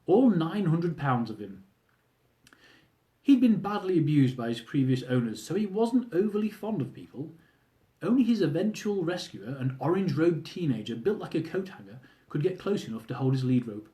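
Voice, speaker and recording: Reading his own travel memoir in audiobook fashion, the author uses a fairly high, mellow, sing-song voice at a moderate pace. He tells the story with wry humor and turns to his listeners with asides.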